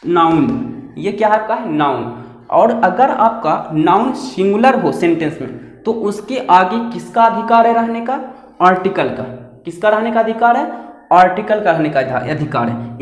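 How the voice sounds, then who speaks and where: A man teaching English grammar at a board, repeating points and putting questions to his class. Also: high voice. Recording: echoey room with long reverb.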